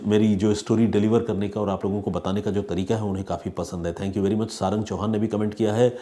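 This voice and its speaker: A man, talking to his viewers as a regular crime-show host. His voice sits on the low side and sounds mellow and warm. He talks in a calm, measured, conversational manner. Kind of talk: reading viewer comments, casual chat.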